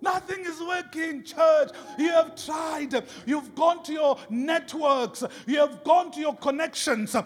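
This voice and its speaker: A man's very high voice preaches slowly with few pauses, impassioned and emphatic, repeating himself rhetorically. The setting is a big reverberant worship hall, with music playing beneath the echo.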